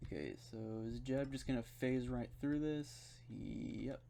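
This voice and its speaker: A man's voice: mid-range voice, measured pace, vocal fry, mellow. Man rambling through gameplay over fan noise. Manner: rambling, thinking aloud. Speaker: gaming video host. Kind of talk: casual unscripted gameplay commentary. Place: his room at home. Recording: running fan noise behind voice. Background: fan hum, keyboard and mouse clicks.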